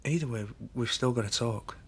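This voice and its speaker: A calm, persistent peacemaker. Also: male voice, medium pitch, fairly quick, slightly rough. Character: calm, persistent man seeking a talk. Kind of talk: television soap drama.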